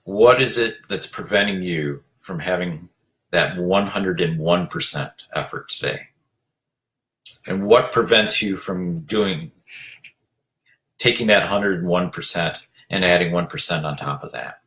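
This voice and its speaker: A man with a somewhat low voice delivers a motivational talk as a leadership coach. He speaks earnestly and urges the listener on. He circles back over his own phrases and pads his pauses with "you know". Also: a bit bright. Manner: earnest, urging, repeats phrases, many "you know" fillers.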